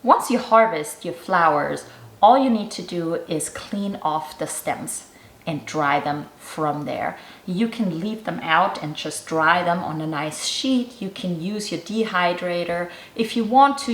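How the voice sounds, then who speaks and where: A woman's voice: lowish voice, a bit bright, reverberant, slight background noise, poor audio. A middle-aged woman from Germany hosting a cooking channel, explaining a recipe step by step in a casual, chatty way. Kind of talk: casual how-to vlog narration.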